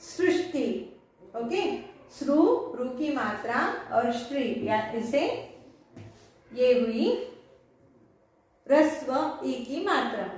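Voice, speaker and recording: Slow high-voiced woman teaching in an echoey room. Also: recorded from a distance. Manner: slow, patient, spells out sounds syllable by syllable. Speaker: school teacher. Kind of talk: online Hindi spelling lesson.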